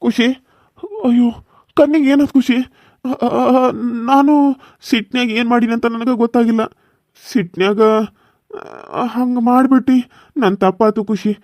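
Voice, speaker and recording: Remorseful cartoon husband, North Karnataka accent, mellow dark tone, dry close sound. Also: male voice, very high-pitched, fairly even intonation, normal speed, long pauses, dry recording. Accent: North Karnataka Kannada. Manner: pleading, apologetic, worried. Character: remorseful hot-tempered young husband. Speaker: voice actor. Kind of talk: cartoon serial voice acting.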